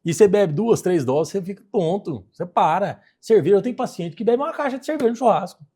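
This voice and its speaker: Husky, lively Brazilian man telling stories. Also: high voice, fast talker. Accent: Brazilian Portuguese. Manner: animated, chatty anecdote-teller. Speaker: plastic surgeon guest. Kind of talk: casual interview storytelling.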